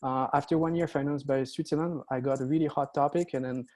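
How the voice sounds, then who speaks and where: A man with a French accent gives an online lecture at a middle pitch. He talks hesitantly and fills his sentences with "uh". He sounds middle-aged, speaking through a computer mic on a video call. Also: fairly even intonation, quick pace, darkish tone. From France. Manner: hesitant, many "uh" fillers. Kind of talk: webinar lecture.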